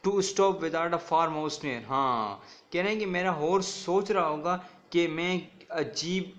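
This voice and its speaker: A male teacher walks students through a poem in a recorded lesson, in a voice a little higher than most men's. He reads each English line slowly and then explains it in Hindi-Urdu. He keeps asking "ठीक है ना" to check that they follow. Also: a bit bright. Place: recorded video lecture.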